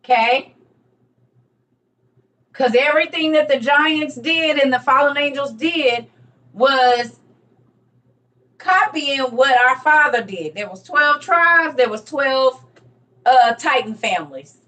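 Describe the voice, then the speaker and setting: A woman's voice: high voice, slow pace, long pauses, pushed and bright, distant mic. Emphatic woman teaching, a bit off-mic. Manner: emphatic, repetitive, teaching as she reads. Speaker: online teacher on religion and history. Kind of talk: casual lecture to viewers.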